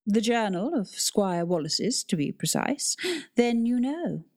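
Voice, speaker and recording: A woman's voice: medium pitch, lively intonation, takes it slowly, a little mellow, voice pushed up. A woman voicing a haughty, regal woman librarian who speaks in a clipped, commanding way.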